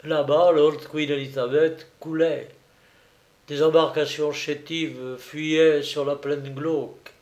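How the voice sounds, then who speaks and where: A male narrator reads an adventure story with slow, deliberate pacing. His voice sits a little high for a man. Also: little pitch movement, darkish tone. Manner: slow, measured reading. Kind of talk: audiobook narration of an adventure novel.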